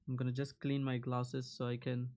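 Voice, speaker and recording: A man's voice: mid-range voice, monotone, normal speed, darkish tone. A man hosting a live coding stream, chatting casually with his viewers. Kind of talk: casual livestream chat.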